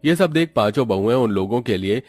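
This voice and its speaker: A man narrating a cartoon story in a steady, explanatory storytelling manner. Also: medium pitch, fairly quick, no echo.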